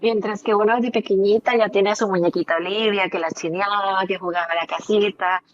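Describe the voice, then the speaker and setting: A woman's voice: medium pitch, steady tone, fairly quick. A woman with a Costa Rican accent, a perinatal psychologist explaining earnestly as a guest in a podcast interview. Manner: explanatory, earnest, uses many fillers. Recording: dull lo-fi audio.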